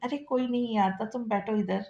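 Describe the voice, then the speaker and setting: A woman's voice: on the high side, steady tone, gravelly, dark tone. A woman voicing a mischievous young husband who sneaks in at night, talking in a teasing, bossy way. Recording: echoey room.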